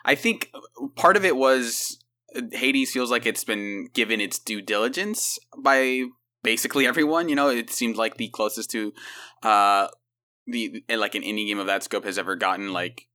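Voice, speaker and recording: A man's voice: lowish voice, normal speed, sharp tone. A man speaking casually as a guest on a podcast. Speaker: podcast guest, video game consultant. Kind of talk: casual chat.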